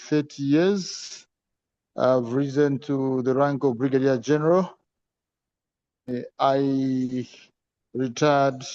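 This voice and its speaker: A man's voice: mid-range voice, mellow, no room sound. Formal man in his fifties on a muffled call. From Zambia. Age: 50s. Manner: measured, formal, pauses with many uhs. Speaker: student introducing himself. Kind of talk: online class introduction. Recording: muffled, dull call audio.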